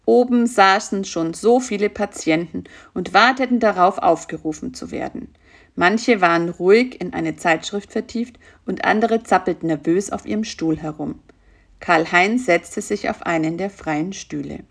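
Woman reading a kids' story, calm and soft, bit gravelly. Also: fairly low pitch. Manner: calm, slow, soft narration.

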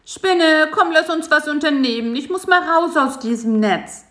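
A woman doing a shrill, whiny little bug. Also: unhurried, fairly bright tone. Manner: whining, nagging, shrill. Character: whiny restless little male insect. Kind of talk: storybook voice acting. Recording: echoey room.

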